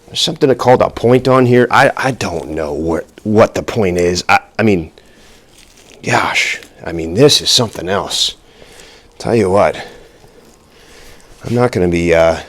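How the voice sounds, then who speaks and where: Nervous, rambling deep-voiced man cooking. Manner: nervous, self-deprecating, rambling with fillers. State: out of breath at times. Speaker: cooking video host. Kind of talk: casual cooking vlog, talking while working.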